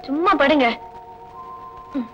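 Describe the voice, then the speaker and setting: Young anxious wife, high pleading voice, echoey dull old film audio. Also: female voice, expressive, slow, faint music behind. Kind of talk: 1980s film acting.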